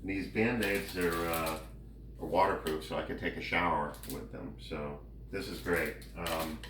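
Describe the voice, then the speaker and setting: Low-voiced man chatting casually, roomy sound. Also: fairly even intonation, normal speed. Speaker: vlogger giving a personal health update. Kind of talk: casual chat. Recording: roomy, distant mic, faint background noise.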